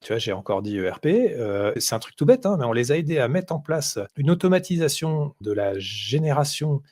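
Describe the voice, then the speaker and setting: A man's voice: mid-range voice, very animated, fairly quick, a little mellow. A man co-hosting a business podcast, talking directly and steering the conversation. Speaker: podcast co-host, business software consultant. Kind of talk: casual business podcast discussion.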